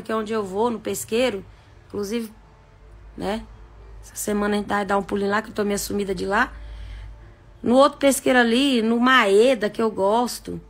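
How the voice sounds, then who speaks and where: Chatty high-voiced woman hosting a live. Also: brisk, a bit bright. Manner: chatty and frank, with asides and jokes. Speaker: psychic live-stream host. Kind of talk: casual live-stream chat.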